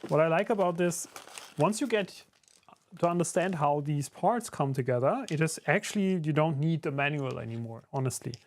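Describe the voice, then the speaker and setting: On the high side and at normal speed, the German man's voice comes through with a slight hiss or hum. A streamer and YouTuber, he answers his chat in English with a German accent while working on a 3D printed enclosure. His delivery is laid-back and full of fillers.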